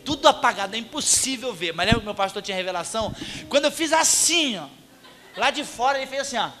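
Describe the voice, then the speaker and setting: A man with a Brazilian Portuguese accent, a pastor telling comic stories in a lively sermon and acting out shouted quotes. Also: very high-pitched, quick pace, over music. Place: church congregation hall.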